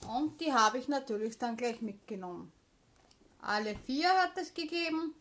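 Woman vlogger w a highish voice, casual haul chat, informal and explainy. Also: animated, normal speed, fairly bright tone.

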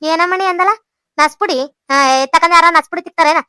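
A woman's voice: very high-pitched, a little fast, bright, forceful tone, no echo. A woman voicing a doting old village grandmother in a cartoon, with a North Karnataka Kannada accent and a fussy, gushing manner. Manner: fussy, gushing, lots of sighs. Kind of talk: cartoon voice acting.

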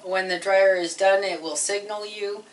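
A middle-aged woman walking viewers through her washer and dryer at home, unhurried and plainspoken with frequent ums. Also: mid-range voice, steady tone. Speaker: home appliance reviewer. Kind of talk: casual product walkthrough. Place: home laundry room. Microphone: camera across the room. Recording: distant camera mic with loud hum.

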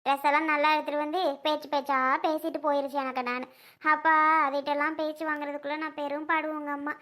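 A woman's voice: high voice, flat delivery, quick pace, a bit bright. A woman playing a young mother who coos at her baby and fiercely protects it in a family drama skit. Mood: doting. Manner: chatty, fondly grumbling to the baby.

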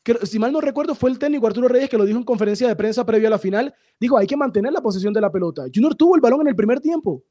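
High, mellow-voiced man analyzing football. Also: lively intonation, dry recording, muffled recording. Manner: measured, explanatory, addresses listeners as muchachos. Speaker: sports radio commentator. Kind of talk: sports analysis commentary.

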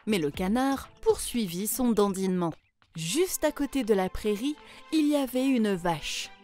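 A woman narrating a children's fairy tale in a clear, measured way. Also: mid-range voice, expressive, a little mellow, soft background music.

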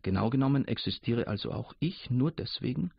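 A man's voice: mid-range voice, animated, fairly quick, gravelly, breathy edge, no room sound. A man voicing an ancient, wise male river who patiently explains, in a dull lo-fi radio recording. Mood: calm, explaining.

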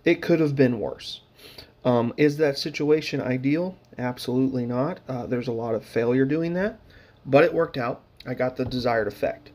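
A man's voice: medium pitch, normal speed, a little mellow. A man casually narrating his hobby painting footage, rambling with lots of fillers and dry, sarcastic humor.

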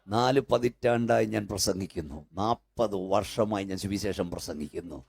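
An older man preaching a sermon as pastor in a church hall, with fervent repeated calls that build up to shouting. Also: fairly low pitch, moderate pace, creaky, husky.

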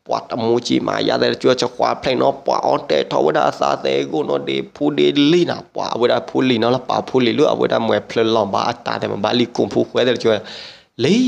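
A man telling a traditional story aloud in an unhurried, steady way. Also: medium pitch, vocal fry. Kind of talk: oral folk storytelling.

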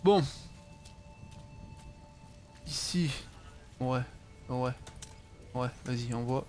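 A man's voice: mid-range voice, extremely slow, a little mellow, soft background music. A man giving casual gaming commentary, muttering to himself and swearing offhandedly. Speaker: let's play host.

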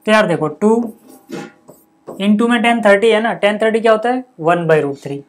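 A male maths teacher talking through a solution step by step. He keeps asking the viewer what comes next and then answers himself, and drops in casual filler words like "okay" and "buddy". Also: sits high. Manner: reads out numbers and steps one by one. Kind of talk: step-by-step board lesson.

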